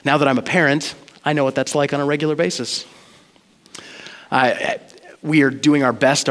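A man preaching a sermon in a church, telling personal stories in an earnest, conversational way. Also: fairly high pitch. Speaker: pastor. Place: church sanctuary. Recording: long reverb of a large hall.

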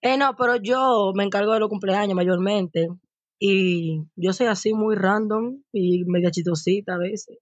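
Animated woman, lo-fi sound. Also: medium pitch, a little slow, dry recording. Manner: animated, dramatic, joking. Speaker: podcast co-host. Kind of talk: casual chat. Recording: dull lo-fi sound.

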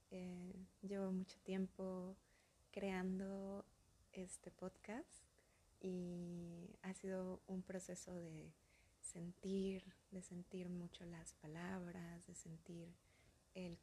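A woman hosting a podcast, talking slowly and softly in a calm, reflective monologue that often drops to a breathy near-whisper. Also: mid-range voice, a little hiss or hum. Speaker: podcast host.

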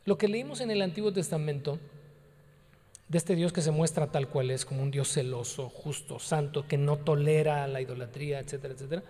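A man's voice: fairly high pitch, steady tone, fairly quick, warm tone, long reverb tail. A man preaching a conversational sermon, telling personal stories and repeating phrases for emphasis. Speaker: pastor.

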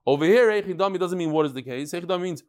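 Older-ish rabbi guy, bit high pitched, chatty talmud class, asks questions then answers them. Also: racing. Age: middle-aged or older. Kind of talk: informal lecture with chatty asides.

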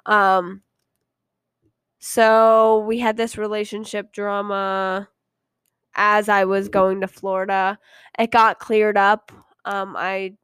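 In clean, dry studio audio, a young podcast host with a clear, resonant mid-range voice shares a personal story casually. She rambles and hesitates, says "um" often, and sounds earnest and confiding.

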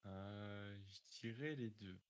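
A man's voice: fairly low pitch, slow. A young man, a sound engineer, answering interview questions casually, thinking aloud with lots of hesitation.

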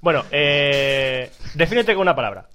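A man's voice: fairly high pitch, lively intonation, normal speed, bright, forceful tone, clean tone. A man hosting a casual interview chat, joking, teasing and bossing the others around.

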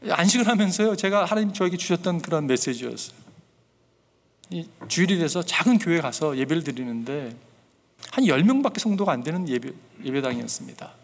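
A man's voice: a little high, lively intonation, fairly quick, creaky, long reverb tail. A man preaching as a pastor. He speaks earnestly and keeps turning to the congregation with questions. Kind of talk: sermon.

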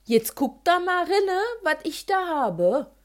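A woman's voice: very high-pitched, very animated, slow pace, exaggerated voice. A woman putting on a scolding dad. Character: gruff middle-aged dad with a regional accent, scolding.

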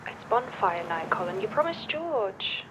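Worried partner, very lively pitch. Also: female voice, measured pace, noisy background. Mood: reproachful. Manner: concerned, reproachful. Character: worried, disapproving female partner and mother. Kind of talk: naturalistic screen drama acting.

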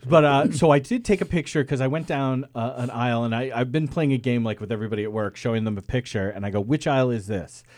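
A man's voice: medium pitch, quick pace, few pauses, darkish tone, dry recording, clean studio sound. A middle-aged man co-hosting a comedy radio show, telling rambling stories and laughing along as he goes. He talks in easy, casual banter with his co-hosts. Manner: storytelling, laughing often.

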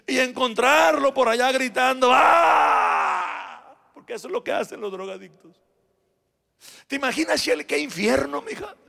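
A man preaching a sermon as pastor in a church, turning from shouted exhortation to quiet, personal words to his flock. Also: very high-pitched, moderate pace, creaky. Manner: swings between shouted exhortation and quiet, intimate asides; addresses the congregation directly and personally. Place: church sanctuary.

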